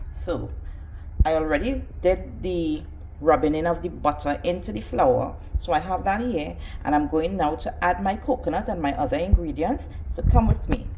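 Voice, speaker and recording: Casually presenting a recipe, a woman home cook instructs step by step. Her voice is on the low side, and there's background noise.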